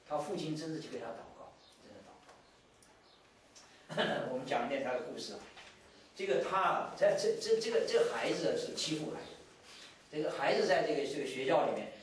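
A man preaching a sermon as a story, animated, with many restarts and repeated words. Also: fairly high pitch, recorded from a distance, a little hiss or hum. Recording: echoey hall, voice from afar.

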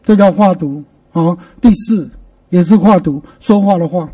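High-voiced pastor preaching from a distance. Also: male voice, warm tone, husky. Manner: asks the congregation questions and answers himself; repeats key words slowly for emphasis. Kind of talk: sermon.

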